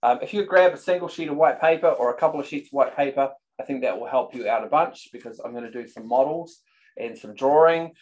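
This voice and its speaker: A man's voice: medium pitch, fast talker, a little mellow, muffled recording. A man from New Zealand with a New Zealand accent, teaching a webinar over a video call and upbeat as he coaxes the audience to join in. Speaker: real estate trainer.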